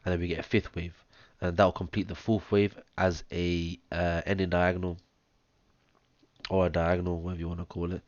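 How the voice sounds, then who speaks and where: Hoarse low-voiced man talking through charts. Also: level tone, fairly quick, a little mellow, no room sound, highs cut off. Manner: talks step by step through wave counts, many ums. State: hoarse, chesty cough. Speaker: trading analyst. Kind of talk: screen-share chart analysis. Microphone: close mic, audible breathing.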